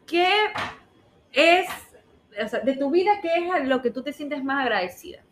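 A woman's voice: sits high, lively intonation, moderate pace, a little hiss or hum. A woman, chatting casually with a friend as co-host and slipping in English phrases. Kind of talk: casual chat between friends.

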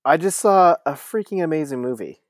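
A man co-hosting a casual podcast, talking excitedly and laughing often. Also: fairly high pitch, fairly quick, no room sound, clean studio sound. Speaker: podcast co-host. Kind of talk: casual chat.

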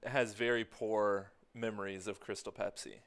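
A man's voice: on the low side, little pitch movement, normal speed, a bit bright. A man in his twenties hosting a casual chat show, easygoing, reading viewer comments aloud. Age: 20s.

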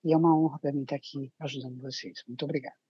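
A woman with a Brazilian accent explaining things as a psychiatrist guest, halting and restating her phrases. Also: extremely low pitch, steady tone, husky, dry recording. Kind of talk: explanatory interview talk. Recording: dull, muffled lo-fi audio.

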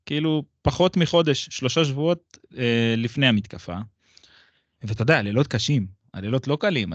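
Animated man telling a story. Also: no echo. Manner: animated storyteller with wide pitch swings. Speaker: podcast co-host. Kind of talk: casual podcast storytelling. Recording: dry, slightly dull sound.

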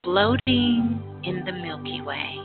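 A woman leads a guided meditation at a very slow pace, soothing and repetitive in her phrasing. Her voice sits a little low. The recording is dull and lo-fi, with prominent music behind her. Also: lively intonation, gravelly. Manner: soothing, unhurried, repeating phrases gently. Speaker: spirit class teacher leading a guided relaxation. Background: loud background music.

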